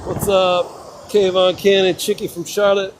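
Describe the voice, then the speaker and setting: A man's voice: high-pitched, flat delivery, normal speed. A man chatting casually on a livestream, laid-back and rambling, talking up to be heard over the wind. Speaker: live streamer. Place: outdoors on a windy rocky beach. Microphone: microphone on a livestream rig. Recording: very loud wind and surf noise. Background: crashing waves, loud wind.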